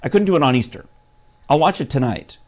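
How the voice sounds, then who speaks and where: A man's voice: a little high, expressive, quick pace, a little mellow. A man hosting a casual morning chat show, talking in a rambling, chatty way with lots of fillers and restarts. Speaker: show host.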